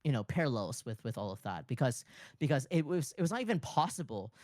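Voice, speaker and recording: An excitable streamer talks casually on a livestream at a medium pitch. Words and short phrases come out repeated in eager bursts. The sound is dry, with very little room in it. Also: fast, no echo. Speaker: streamer, pianist and composer.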